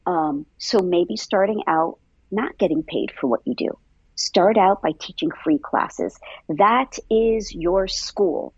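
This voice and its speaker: A woman's voice: lowish voice, breathy edge, no room sound, dull audio. A woman who trains dance instructors answers interview questions thoughtfully, often saying "I feel" and repeating words.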